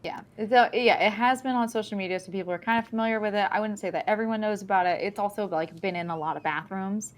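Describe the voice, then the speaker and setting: A woman's voice: medium pitch, quick pace, hardly any pauses. Woman streamer just chatting, lots of likes and ums, telling a story. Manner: chatty, many fillers and restarts. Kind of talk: casual storytelling chat.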